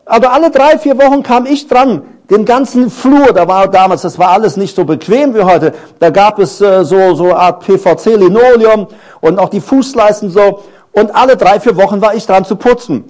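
A middle-aged preacher with a high voice and moderate pace delivers an animated sermon. He asks his congregation question after question and tells stories from his own life.

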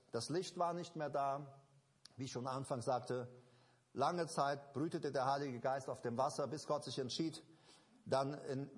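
A man delivering a sermon with a high, lively voice that climbs and drops through each point. His tone is husky, and he drives ideas home by repeating them, often stopping to restart a phrase before pressing on. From Germany. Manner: emphatic, repetitive, with frequent restarts and fillers. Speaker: preacher.

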